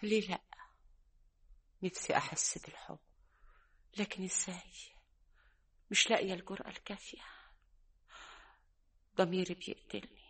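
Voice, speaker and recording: An actress with an Egyptian accent playing a guilt-ridden, tearful young village woman in a vintage radio drama, with a raspy, breathy voice. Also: fairly low pitch, steady tone, normal speed, long pauses, a little hiss or hum, lightly acted. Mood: anguished. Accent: Egyptian Arabic.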